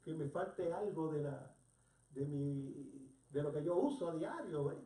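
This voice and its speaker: A preacher tells a story in an animated sermon, often turning to ask the congregation questions. The voice sits at a medium pitch and echoes through a roomy church, picked up from a distance. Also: a little slow. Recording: roomy hall, distant mic.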